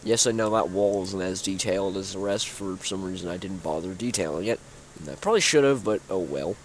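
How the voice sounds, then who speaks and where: A young man with a low voice talks fairly quickly against slight background noise. As a gaming YouTuber, he gives rambling, sleepy commentary on his own video game build, yawning and filling gaps with fillers and restarts.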